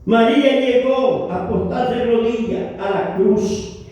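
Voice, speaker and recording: A man preaching an evangelistic sermon, emphatic and often shouting, calling "brother" and "hallelujah" between points. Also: very high-pitched, measured pace. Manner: emphatic, bursts into shouting, peppers speech with "hermano" and "aleluya". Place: church hall. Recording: echoey hall, voice from far off the mic.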